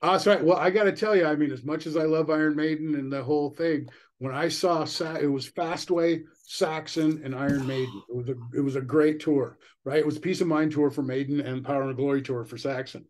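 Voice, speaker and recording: A middle-aged man talks from a room at home over a video call, pitched a little high for a man. He rambles with eager enthusiasm, scattering "you know" through his sentences in a casual interview chat. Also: steady tone, fairly quick, few pauses, a little mellow. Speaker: guest musician.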